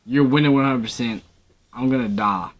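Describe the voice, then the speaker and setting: A man's voice: mid-range voice, normal speed. A man co-hosting a reaction video in casual, joking chat, laughing often and talking in slang.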